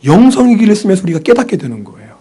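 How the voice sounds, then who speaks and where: A male pastor preaching a sermon in an animated way, questioning the congregation and answering himself, sometimes dropping to a whisper. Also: sits high, rapid-fire, husky. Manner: drops to a whisper for inner thoughts.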